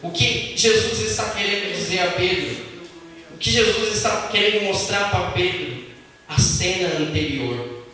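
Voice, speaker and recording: A man preaching a sermon in a church hall, telling the story with animated acted-out lines. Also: high voice, a little slow, recorded from a distance. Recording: echoey hall, mic from afar.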